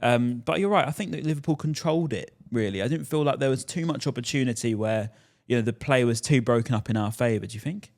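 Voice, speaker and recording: A man's voice: medium pitch, fast talker, few pauses, a little mellow. Chatty man talking football. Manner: chatty, rambling, lots of restarts and "you know". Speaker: podcast host. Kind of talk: casual pub football chat.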